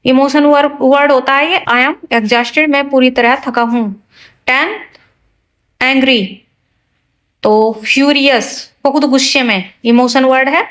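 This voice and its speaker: A woman teaching English vocabulary, speaking slowly and deliberately through each example, with casual asides to the listener. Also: high-pitched, fairly even intonation, fairly bright tone, rough recording. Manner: slow and deliberate, spelling out examples word by word. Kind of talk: explaining a vocabulary lesson.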